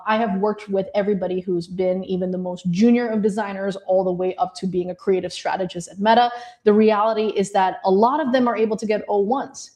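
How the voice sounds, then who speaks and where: A woman's voice: medium pitch, a little mellow. A woman who grew up in Indonesia, giving an encouraging presentation on visas to designers, speaking to the audience in a friendly, direct way. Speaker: immigration advisor presenting to designers. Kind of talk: presentation talk.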